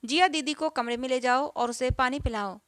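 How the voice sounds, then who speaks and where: A caring mother from a told family story, voiced by a woman narrator. She sounds high and close-miked. She comforts gently. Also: normal speed, dry recording. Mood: soothing. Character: soothing caring middle-aged mother.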